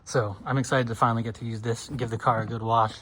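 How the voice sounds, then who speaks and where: A man talks through a car wash outdoors in an easygoing, rambling vlog style, full of little fillers. His voice sits at an ordinary mid pitch. A faint hum of outdoor noise stays underneath. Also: quick pace. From northeastern United States. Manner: relaxed, rambling, filler-heavy. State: slightly out of breath. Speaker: vlogger. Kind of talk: casual talk while washing a car.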